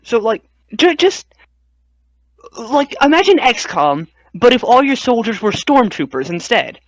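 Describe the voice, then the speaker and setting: A man's voice: very high-pitched, very animated, unhurried, no room sound, rough recording. A man chatting casually as a podcast co-host, blunt and emphatic in how he talks. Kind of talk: casual chat about games.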